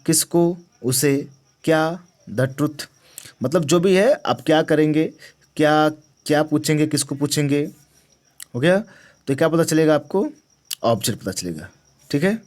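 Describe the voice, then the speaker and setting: A man's voice: fairly high pitch, unhurried, pauses often, darkish tone. Man teaching grammar, quizzing his class. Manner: asks questions and answers them himself; repeats key words and checks understanding. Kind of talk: grammar lesson to exam students.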